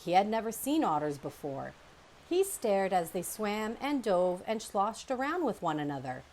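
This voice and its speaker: A woman narrating a children's book aloud in an expressive storytelling manner. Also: medium pitch, normal speed, a little hiss or hum. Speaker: storybook reader.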